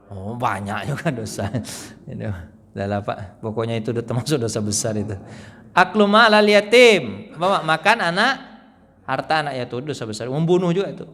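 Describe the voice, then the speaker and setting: Joking preacher man in a reverberant mosque hall. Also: on the high side. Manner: lively, jokes and quizzes the audience. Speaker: Islamic teacher. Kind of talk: mosque study sermon.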